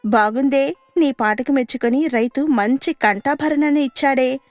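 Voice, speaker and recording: A woman's voice: high-pitched, normal speed, dry recording, natural voice. A woman voicing a sly, cautious fox in a children's radio story, warning and mocking in a raised voice. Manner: warning, then jeering. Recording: dry studio radio recording with faint music.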